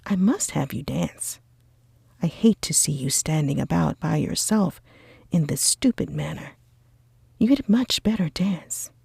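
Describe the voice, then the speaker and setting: A woman voicing a lively, friendly young gentleman in an animated, breathy ASMR role-play of a classic storybook. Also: low voice, a little slow, no echo, clean studio sound, full character voice. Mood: coaxing.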